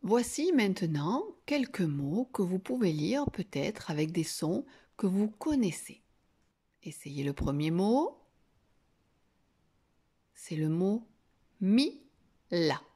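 A woman teacher giving a reading lesson to young children, slowly sounding out syllables and words. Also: lowish voice, dark tone, breathy edge. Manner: slow, drawn-out sounding of syllables.

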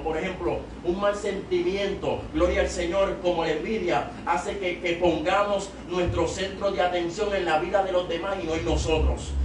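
This young evangelist from Puerto Rico has a high-sitting voice and a Puerto Rican Spanish accent. He stands at the pulpit of a small church sanctuary with a handheld mic, exhorting a youth service and climbing to loud, emphatic peaks. A distant camera captures it, so the room sounds echoey and noisy.

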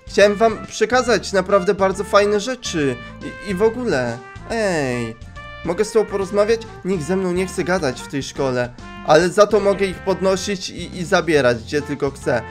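A young man giving comic commentary while playing a game, excitable and squealing high when surprised. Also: moderate pace, soft background music. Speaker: gaming youtuber. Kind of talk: comic let's play commentary.

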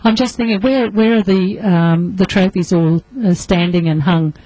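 Woman, radio host, mellow voice, lower pitch, chatty, laughs often. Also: fairly even intonation, normal speed, no room sound, rough recording. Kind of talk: casual radio interview. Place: radio studio. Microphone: studio microphone.

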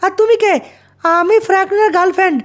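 A woman with a very high voice narrates a comic game skit in a whiny, dramatic manner. She talks quickly, keeping her pitch flat and shrill. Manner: whiny, dramatic sobbing and shouting. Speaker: game video voice-over for several figures.

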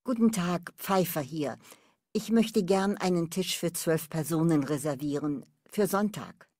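A woman's voice: lowish voice, a little slow, a little mellow, no room sound, clean studio sound. A woman playing a polite, accommodating customer in a language-course dialogue. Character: polite, accommodating female customer making a booking.

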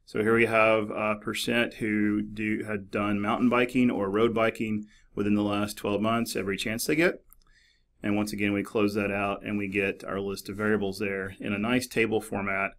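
A middle-aged man narrating a screen-recorded tutorial in a relaxed, explanatory way, with many fillers and restarts. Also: lowish voice, moderate pace. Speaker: librarian demonstrating a database. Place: office.

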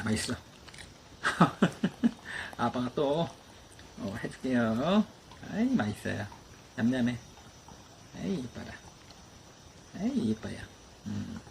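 A man's voice: fairly low pitch, low-quality recording. A man talking casually to his pet dogs in cooing baby talk as he feeds them. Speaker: dog owner vlogger. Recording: clear background noise.

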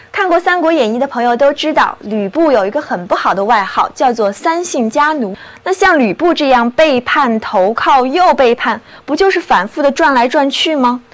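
A young woman hosting a scripted English vocabulary lesson, spelling words letter by letter and slowly repeating example sentences. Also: high-pitched.

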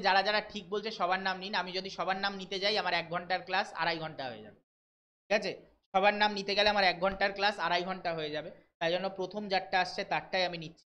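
A man from West Bengal teaching a live online exam-prep class, reading English questions out slowly and explaining them briskly while checking in with his students. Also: sits high, steady tone, bright, forceful tone. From West Bengal, India. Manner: brisk, keeps checking in with listeners.

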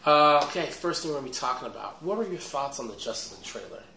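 A man hosting a casual movie news show, hoarse as his voice comes back, talking in a laid-back, slangy and enthusiastic way. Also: mid-range voice, sing-song, very fast, a bit bright, a little hiss or hum. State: hoarse, recovering voice. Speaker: host. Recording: echoey room.

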